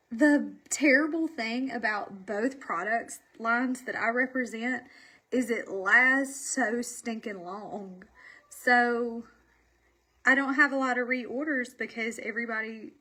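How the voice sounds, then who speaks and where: Congested Southern woman with a bright, husky voice. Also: on the high side. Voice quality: congested, stuffy. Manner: chatty, folksy, self-deprecating. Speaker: livestream host selling makeup. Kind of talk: casual livestream chat while doing makeup.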